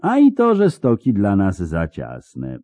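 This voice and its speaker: A man voicing a boastful, crude male bandit leader who talks in a loud, gloating, folksy way in an audiobook. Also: lowish voice, huge pitch swings, slow pace, no room sound, full character voice.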